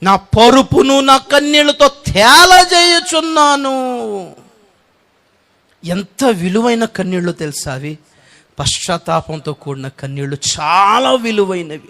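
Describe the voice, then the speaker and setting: A male pastor preaching in a high voice with a Telugu accent. He swings from loud, shouted cries down to hushed pleading, full of emotion. Now and then he drifts away from the mic. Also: big pitch swings, a little slow. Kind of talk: sermon.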